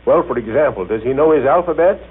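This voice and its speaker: A man's voice: mid-range voice, expressive, fast, slightly rough. A man asking questions in a formal, scripted 1930s radio interview. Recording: tinny, band-limited 1930s radio recording.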